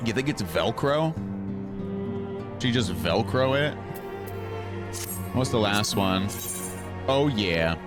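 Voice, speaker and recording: A man's voice: lowish voice, lively intonation, slow pace, pauses often. A man chatting playfully and casually with viewers as he comments on his gameplay. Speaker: game streamer. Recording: game music behind the voice.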